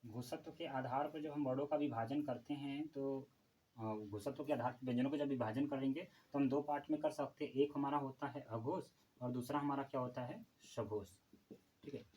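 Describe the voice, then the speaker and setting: A man teaching a Hindi grammar lesson for exam preparation, asking questions and answering them himself and repeating key terms slowly. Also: mid-range voice, steady tone, mellow, low-quality recording.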